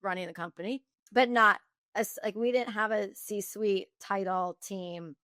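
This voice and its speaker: A woman who founded a company, talking candidly in an interview, fast and animated, with many restarts and "like.". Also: medium pitch, no room sound, clean studio sound. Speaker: founder and guest.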